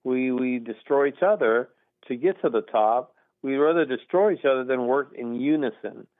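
This is a middle-aged caller from Texas, medium in pitch and normal in speed, talking earnestly and emphatically but rambling on a call-in radio show. The phone line comes across tinny and dry.

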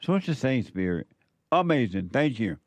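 A man hosting a call-in show, talking in a slow, emphatic preaching way and repeating his phrases. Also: mid-range voice, big pitch swings, dry recording. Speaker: talk show host. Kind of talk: call-in and viewer-message talk.

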